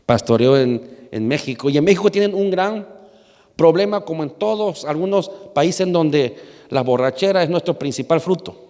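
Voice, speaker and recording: A man's voice: fairly high pitch, expressive, moderate pace, darkish tone, in a large hall. A man from Argentina, a pastor, giving a conversational sermon, often asking his congregation questions and hesitating with fillers.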